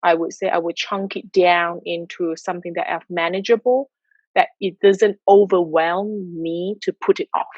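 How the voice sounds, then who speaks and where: Woman from malaysia on a video call, earnest motivational talk, lowish voice, dry dull sound. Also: steady tone, normal speed, darkish tone, no echo. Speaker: guest speaker. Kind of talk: online talk answering questions. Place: home in Tokyo.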